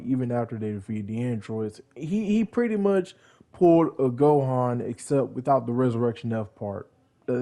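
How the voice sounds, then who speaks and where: Young man, mellow and relaxed, casual rambling narrator who keeps correcting himself. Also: mid-range voice. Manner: rambling, self-correcting, joking asides. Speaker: fan content creator. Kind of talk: casual narration of fan backstory.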